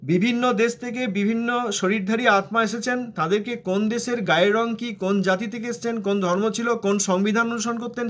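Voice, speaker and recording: A man's voice: sits high, fairly bright tone. A man with a Bengali accent giving a devotional discourse, explaining scripture and asking rhetorical questions. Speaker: religious teacher.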